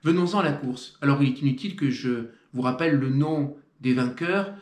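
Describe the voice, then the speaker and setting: A man's voice: mid-range voice, fairly quick, reverberant, faint music behind. A man hosting a trail running video, with playful, mock-solemn scripted commentary and theatrical emphasis.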